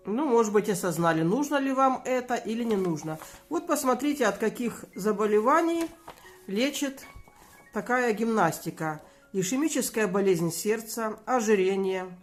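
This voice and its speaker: A woman vlogger speaking to viewers in an informal advice talk, gently and earnestly recommending things. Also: medium pitch.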